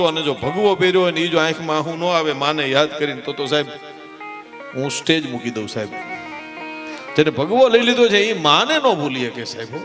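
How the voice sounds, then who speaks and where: This folk storyteller and humorist, whose voice sits slightly high, performs dayro with a Kathiawadi Gujarati accent at a temple program, punctuating his emphatic, funny delivery with "saheb" for the audience. He chants rhyming lists in a rhythmic declamation. The live PA recording has a lingering hall echo and quiet music beneath.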